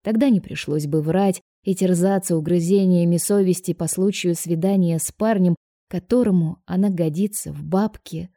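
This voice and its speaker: A woman narrating an audiobook in a measured storytelling manner. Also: fairly low pitch, dark tone, no echo, clean studio sound. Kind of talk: scripted narration.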